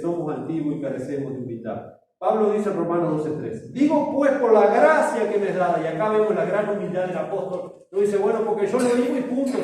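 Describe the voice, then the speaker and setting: High-pitched preacher in an echoey hall. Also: male voice. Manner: preaching emphatically, swinging loud and soft. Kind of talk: sermon. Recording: very echoey room, mic at a distance, faint noise.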